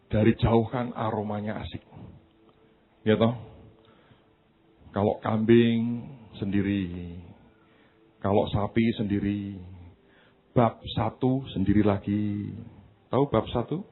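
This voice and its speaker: A man pastor preaching a sermon, swinging from quiet asides to high shouted preaching, with humorous stories and acted-out quotes. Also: fairly even intonation, slow pace, pauses often, a little hiss or hum. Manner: tells humorous anecdotes and acts out quoted voices. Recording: thin phone-like sound.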